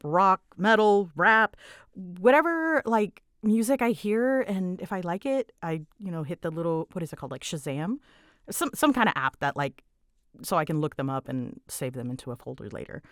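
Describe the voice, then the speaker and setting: Her voice sits on the low side, captured in echo-free studio quality. Answering listener questions as an audio creator and voice actor, she chats without a script, giggling nervously, breaking into her own sentences and rambling from thought to thought.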